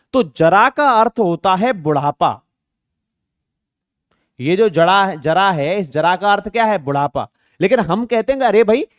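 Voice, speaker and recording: A man's voice: high voice, no echo, clean studio sound. A man teaching an exam-prep grammar lesson, asking rhetorical questions and repeating words to show pronunciation.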